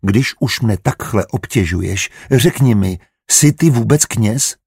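A man voicing a bold, sharp-tongued traveling woman in an audiobook, speaking sarcastically with a husky voice. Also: on the low side, lively intonation, dry recording, studio quality. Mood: biting. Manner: sarcastic, biting.

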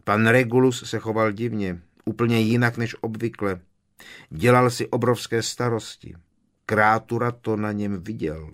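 A man voicing a frail, cowed old male house-elf who croaks and speaks of himself in the third person. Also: on the low side, natural voice. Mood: fretful.

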